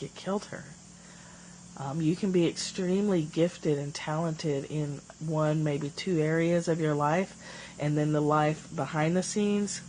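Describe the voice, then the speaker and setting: Woman, low voice, rambling spiritual chat, live stream host, faint background noise. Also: darkish tone, low-quality recording. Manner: chatty, rambling, reads viewer comments aloud. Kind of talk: casual spiritual talk to viewers. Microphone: phone.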